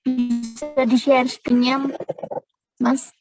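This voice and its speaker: A woman's voice: sits high, level tone, very slow, a little mellow, soft background music. A woman presenting in an online meeting, her voice breaking up over a bad internet connection, hesitant with fillers. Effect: broken-up, choppy internet call audio. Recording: distant, choppy video call audio.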